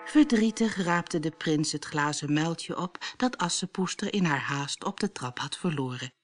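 A woman narrating a fairy tale as a storybook read-aloud, expressive and lively. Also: deep voice, measured pace, faint music behind.

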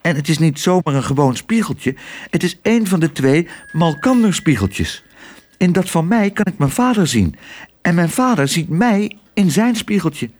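A man's voice: a little high, big pitch swings, normal speed, darkish tone, voice pushed up. A man voicing a worried young girl in a children's audiobook. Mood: pleading.

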